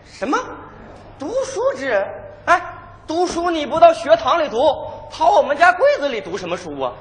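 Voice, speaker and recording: A man playing a very high, teasing peasant brother. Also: sing-song, moderate pace. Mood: mocking. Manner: teasing, punning, wheedling. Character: mischievous teasing young peasant brother, greedy joker. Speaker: errenzhuan actor. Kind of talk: comic folk opera dialogue. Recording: hall reverb with faint noise.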